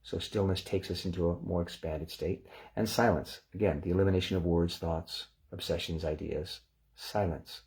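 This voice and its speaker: A man leading a guided relaxation session, speaking in a calm, unhurried, gently instructive way. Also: low voice.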